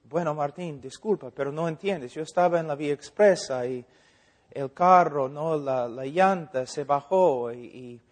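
Male preacher with a high voice, lively sermon acting out little scenes, in a church hall. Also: a little slow. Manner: animated, acts out dialogues and rhetorical questions. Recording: long hall reverb.

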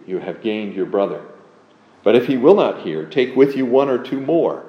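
A man preaching an expository sermon, earnest and measured, reading scripture aloud and leaning hard on key words. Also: fairly low pitch. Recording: dull, echoey room sound.

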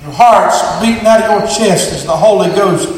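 High-voiced preacher shouting in a hall. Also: male voice, moderate pace. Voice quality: high and strained, often shouting. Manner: dramatic storytelling with sudden shouts and drops. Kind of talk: sermon. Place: large tabernacle with long reverb. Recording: very echoey hall.

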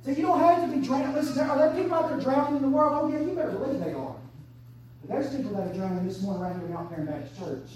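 A woman, preaching an impassioned sermon that swings between hushed and shouted. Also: high-pitched, lively intonation, very fast, a crowd in the background. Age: 30s. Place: church sanctuary. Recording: echoey church from far off.

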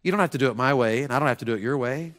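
Pastor preaching hard, bright tense voice, lots of questions thrown at the crowd. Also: male voice, mid-range voice, racing. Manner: impassioned, swings from quiet to near shouting, rhetorical questions. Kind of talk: sermon.

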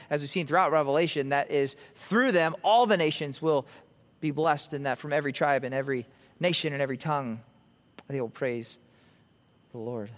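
A man preaching an expository sermon from the pulpit, swelling with emphasis and dropping quiet at the ends of phrases. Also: a little high, big-room sound. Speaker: pastor. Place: church sanctuary.

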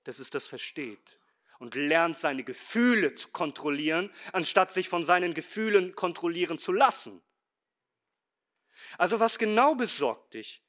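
Middle-aged male pastor, sermon delivery, bright ringing tone, emphatic with hushed low drops. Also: animated, unhurried. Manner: emphatic preaching, swinging between loud stresses and quiet low asides.

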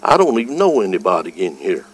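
A low-voiced man with a Southern US accent preaches fast at an evangelical revival, his pitch swinging hugely. Fervent, folksy and exclamatory, he alternates quiet stories with shouting, all on a low-quality recording.

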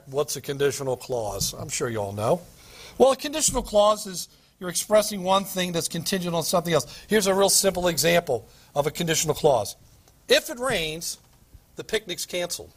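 A man preaching a sermon as pastor, emphatic, with dramatic pauses and repetition. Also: high-pitched, a bit bright.

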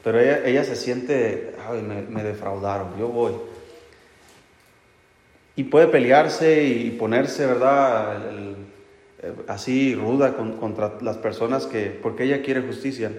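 A man gives a sermon in an easy, talking-to-you way, keeping his questions and asides going with the congregation. His mid-pitched voice rings out through a large room with a long, roomy reverb. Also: a little slow, darkish tone. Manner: plain, talks straight to the men, keeps asking "¿verdad?" and "¿sí?". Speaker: preacher. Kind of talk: conversational sermon. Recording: echoey hall reverb.

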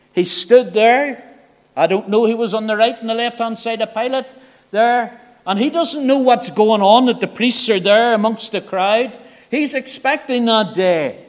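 Man, preacher, high voice, earnest, quiet asides then loud emphatic appeals, long hall reverb. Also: unhurried. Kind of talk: evangelistic sermon. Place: church meeting hall.

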